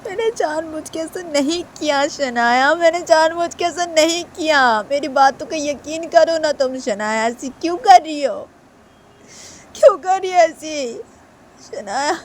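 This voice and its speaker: A woman's voice: high-pitched, measured pace, slight background noise. A woman voicing a young woman who pleads, close to tears, to be believed. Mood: pleading. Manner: begging, near tears.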